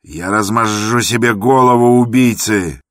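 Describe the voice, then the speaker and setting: A man voicing a frantic, furious male asylum patient who shouts hoarsely, in a radio drama. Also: deep voice, big pitch swings, slow pace, dry recording, studio quality, exaggerated voice. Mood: desperate. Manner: shouting, raging.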